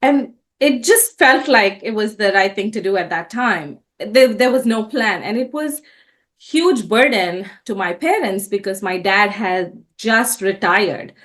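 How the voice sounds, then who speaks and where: Speaking with animation at a measured pace, a woman in her thirties who grew up in India shares her life story as an entrepreneur guest. Her mid-range voice has a fairly bright tone. She is earnest and frequently restarts and self-corrects.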